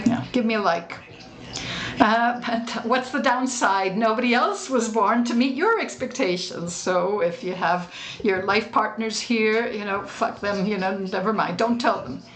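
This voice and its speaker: A woman's voice: mid-range voice, unhurried, a bit bright. A woman from Spain, giving a motivational conference talk in a humorous, teasing way, tossing rhetorical questions to the audience. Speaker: conference speaker. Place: conference stage.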